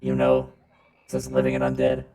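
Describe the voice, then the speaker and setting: Man with a deep robot voice filter. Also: moderate pace, low-quality recording. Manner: relaxed, teasing rules explanations. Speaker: game master. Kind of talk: running a tabletop game over voice chat.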